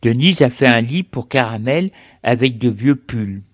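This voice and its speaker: A man reading a story aloud in a slow, deliberate way. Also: mid-range voice. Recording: steady background noise.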